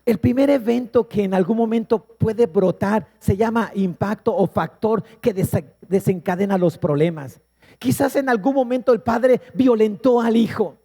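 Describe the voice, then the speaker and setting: A middle-aged man preaching from the pulpit, his voice sitting very high for a man. He tells personal stories in an earnest, emphatic way, and a long hall reverb trails after every phrase. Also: darkish tone. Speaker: pastor. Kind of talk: sermon. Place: church hall.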